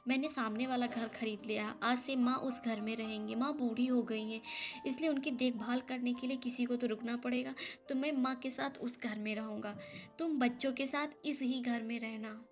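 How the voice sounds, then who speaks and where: A woman's voice: fairly high pitch, fairly even intonation, moderate pace, soft background music, lightly acted. A woman reading as an anguished, earnest husband. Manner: earnest, heavy-hearted pleading. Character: grieving husband, torn between mother and wife.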